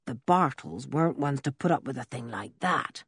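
Woman doing a slow, low-voiced old blacksmith. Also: lively intonation, husky, no echo, studio quality, heavily acted. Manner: slow, drawn-out, rustic storytelling. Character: old male village blacksmith, slow gruff storyteller. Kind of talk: audiobook character reading.

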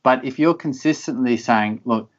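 A man's voice: medium pitch, normal speed, muffled recording. A man speaking candidly in an interview, earnest, often repeating words to stress a point. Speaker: podcast guest.

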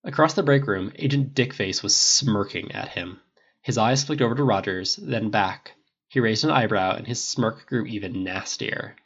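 A man narrating a fan-fiction audiobook in an expressive, wry way, on a dull lo-fi recording. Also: lowish voice, moderate pace, breathy edge.

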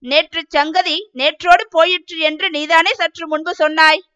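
A woman's voice: very high voice, fairly even intonation, normal speed, bright, forceful tone. A woman doing a flustered young farmer. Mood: defensive. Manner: defensive, pleading.

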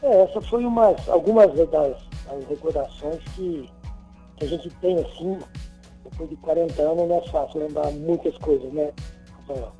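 A Brazilian man in his sixties, a former footballer, reminiscing casually in an interview, halting and repeating words as he recalls. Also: on the high side, dark tone. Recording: muffled, band-limited sound, faint music.

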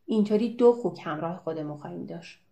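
A cheeky, tipsy young village man, as a woman reader puts him on speaks in loud, bantering bursts, with a mellow, soft-edged tone. He jokes freely and keeps a colloquial swagger throughout this audiobook scene. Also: lowish voice, vocal fry. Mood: teasing.

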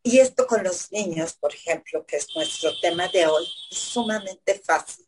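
A woman psychotherapist, explaining calmly step by step in an interview, often asking herself questions. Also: on the low side, moderate pace, breathy edge, low-quality recording. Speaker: psychotherapist guest.

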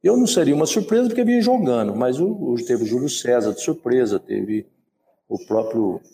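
Brazilian man, 60s, gravelly mellow voice, animated storyteller, former footballer. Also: medium pitch, fairly quick, a little hiss or hum. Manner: lively storyteller who acts out quoted dialogue and repeats words. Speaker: former footballer, interview guest. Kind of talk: storytelling in an interview.

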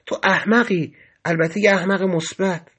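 A man's voice: sits high, steady tone, a bit bright, husky. A man reading a story, voicing a clever, blunt and hot-tempered male prison cellmate who scolds in an exasperated way. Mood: mocking. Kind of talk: audiobook character voice.

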